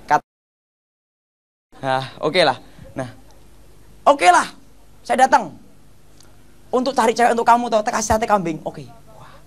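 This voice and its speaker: Middle-aged male preacher, Javanese-accented Indonesian, animated testimony storyteller with a lively pitch range. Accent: Javanese-tinged Indonesian. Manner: animated storyteller, acts out voices, shouts quoted lines. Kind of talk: testimony sermon.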